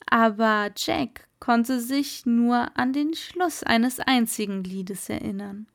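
Slow, measured woman storyteller. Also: fairly high pitch, no room sound, studio quality. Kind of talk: read-aloud fairy tale.

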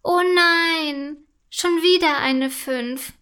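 A woman voicing a young schoolgirl in a children's storybook, in a gently read character voice. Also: high-pitched, steady tone, unhurried. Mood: glum. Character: unhappy young schoolgirl, sulky then cheerful.

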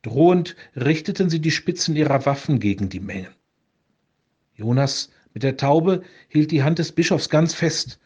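A pastor reading a saint's legend aloud for a radio show, calm and measured. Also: male voice, on the high side, slightly rough.

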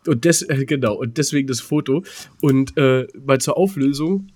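A 27-year-old podcast co-host with a medium-pitched, somewhat mellow voice chats casually at a moderate pace, recorded in clean studio sound without room echo. He rambles through anecdotes, stuttering and repeating words while searching for them.

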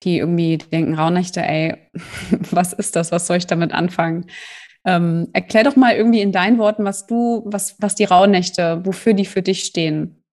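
A woman's voice: on the low side, fairly even intonation, moderate pace, a little mellow. A woman in her thirties from northern Germany, a mother and podcast guest, chatting upbeat with lots of fillers. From Bremen, northern Germany. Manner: upbeat, hesitant with many fillers. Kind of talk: casual chat.

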